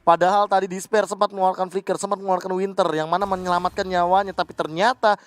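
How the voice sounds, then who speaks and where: A man's voice: high voice, flat delivery, quick pace. A man with an Indonesian accent giving live analysis as an esports commentator. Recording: music behind the voice. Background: music.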